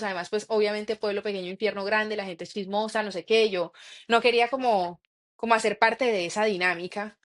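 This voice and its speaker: A young adult woman from San Andrés island telling her life story in a casual interview, full of fillers. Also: medium pitch. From San Andrés island, Colombia. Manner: chatty, lots of fillers like "o sea" and "como". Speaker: interview guest, expedition guide.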